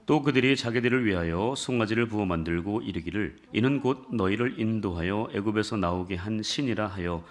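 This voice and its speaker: A man's voice: lowish voice, a little fast, hardly any pauses. A man pastor leading scripture reading, then preaching a sermon with jokes, questions to the congregation and rising emphasis. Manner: builds from calm scripture reading to emphatic exhortation.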